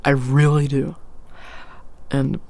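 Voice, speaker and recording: A man's voice: medium pitch, monotone, slow pace, vocal fry, darkish tone. A man making ASMR, talking earnestly and rambling in a half-whispered chat aimed straight at the listener. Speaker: ASMR creator.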